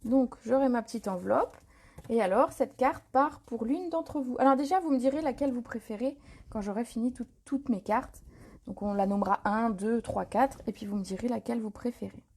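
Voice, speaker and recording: A woman with a fairly high, husky and mellow voice leads a live card-making tutorial. She chats loosely as she works, full of little fillers and self-corrections, sounding unscripted and at ease. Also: a little fast. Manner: chatty and relaxed, many fillers and self-corrections. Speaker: craft demonstrator hosting a live stream. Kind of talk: live paper-craft tutorial, improvised chat.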